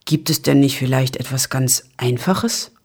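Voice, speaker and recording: A woman reading a storybook and voicing a calm grown man who drives a train. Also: extremely low pitch, a little slow, vocal fry, slightly rough, pitched below the performer's own voice, full character voice. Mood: plain.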